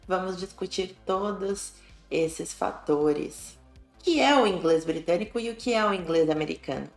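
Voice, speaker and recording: A young woman with a Brazilian Portuguese accent, explaining English to camera in a clear, friendly teaching tone. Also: on the low side. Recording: echoey room with faint music.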